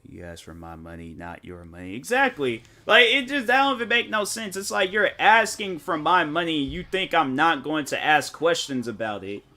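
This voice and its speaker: Slangy, animated male gaming streamer. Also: fairly high pitch, normal speed, hardly any pauses. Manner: rambling storytelling, slangy, animated, mock-quotes people. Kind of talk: casual chat while streaming a game.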